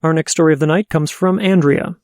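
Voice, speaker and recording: A man hosting a paranormal podcast, reading listener letters aloud in a steady, measured way. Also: on the high side, no room sound, clean studio sound.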